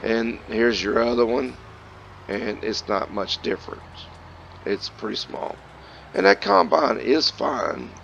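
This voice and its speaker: A man from Kentucky, raspy from just waking up, chatting casually through gameplay commentary in a relaxed, folksy way. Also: medium pitch, takes it slowly, dull audio, a little hiss or hum. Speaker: gaming channel host.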